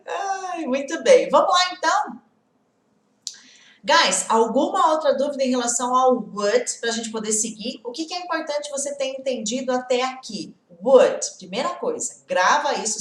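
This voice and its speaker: A woman teaching an English lesson on a live stream, lively, often checking in with the viewers and greeting them by name. She is a native Portuguese speaker. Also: a little high, echoey room.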